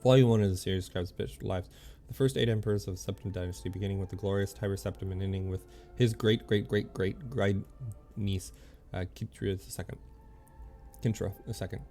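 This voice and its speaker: A man streaming a game, reading its lore aloud in a halting way, often stumbling and correcting himself. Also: sits low, fairly even intonation, mellow, soft background music.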